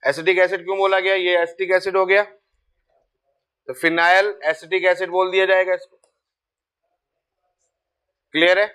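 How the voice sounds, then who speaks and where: Man, chemistry teacher, high bright voice, clean and crisp, repeats terms, keeps checking understanding. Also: level tone, measured pace, long pauses. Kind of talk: board lecture.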